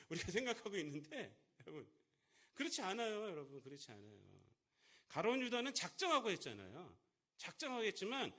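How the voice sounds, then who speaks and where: Animated high-voiced male pastor preaching. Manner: animated, rhetorical questions to the congregation; swings between loud emphatic lines and quiet asides. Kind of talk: sermon. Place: church.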